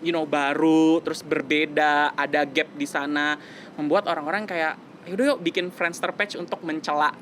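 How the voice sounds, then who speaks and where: 20s guy chatting about his music, earnest, kinda high voice, loud street noise outside. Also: fairly even intonation, moderate pace. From West Java, Indonesia. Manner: earnest, reflective, mixes English phrases. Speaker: musician guest. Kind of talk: casual interview chat.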